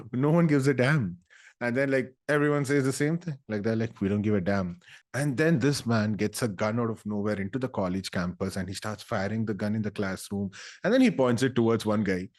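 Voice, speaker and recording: A young man, ranting about a movie in casual, comedic, sarcastic style, breaking into loud animated bursts. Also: fairly low pitch, normal speed. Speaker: YouTuber.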